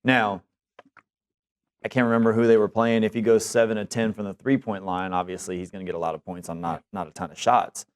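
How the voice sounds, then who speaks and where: A man's voice: lowish voice, steady tone, brisk. A man co-hosting a sports radio show, making his points emphatically. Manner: emphatic and argumentative. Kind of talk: casual sports analysis.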